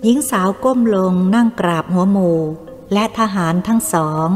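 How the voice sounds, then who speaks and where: A woman reading a story aloud in an even, measured storytelling manner. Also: mid-range voice. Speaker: audiobook narrator. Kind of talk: scripted story narration. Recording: long reverb with faint music.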